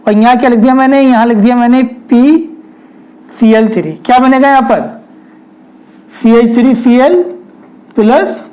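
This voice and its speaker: A man's voice: extremely high pitch, a little slow, pauses often, mellow, low-quality recording. A young man, giving a chemistry lecture at a whiteboard, often asking rhetorical questions and speaking directly to his students. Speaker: chemistry teacher.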